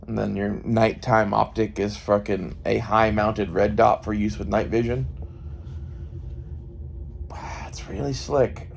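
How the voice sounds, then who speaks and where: This gun hobbyist vlogger, an American man, speaks slowly in a gravelly, lowish voice with a steady tone. His monologue is casual and rambling, full of thinking aloud and free swearing, with faint background and ambient noise in the recording.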